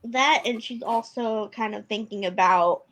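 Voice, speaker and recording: A woman's voice: a little high, fairly bright tone, poor audio. A woman co-hosting a casual podcast, chatting eagerly about a TV episode. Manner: chatty, enthusiastic, quick laughs. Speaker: podcast co-host. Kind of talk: casual episode recap chat.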